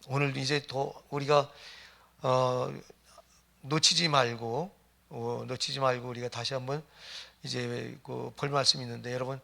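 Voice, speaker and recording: Middle-aged guy pastor preaching, gravelly bright voice, keeps asking the crowd questions. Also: medium pitch. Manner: emphatic, rhetorical questions to the congregation. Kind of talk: sermon.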